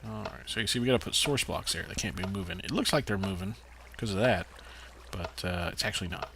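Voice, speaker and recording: A man's voice: low voice, quick pace, gravelly, background noise. A man casually commenting on his game as he plays, rambling with many fillers and talking to himself. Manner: rambling, lots of uh fillers, talks to himself while playing. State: hiccups. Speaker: gaming channel host. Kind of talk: casual let's-play commentary.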